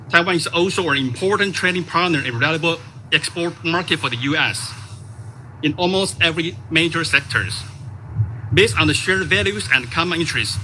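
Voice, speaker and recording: A man, a diplomat, reading prepared remarks in a measured, formal way. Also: on the high side, sharp tone, a little hiss or hum, poor audio.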